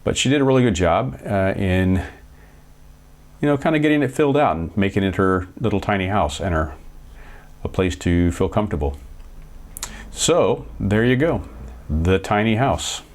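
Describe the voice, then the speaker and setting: Low-voiced man narrating a DIY vlog. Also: animated, normal speed, long pauses. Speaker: DIY vlogger. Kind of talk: casual voice-over narration.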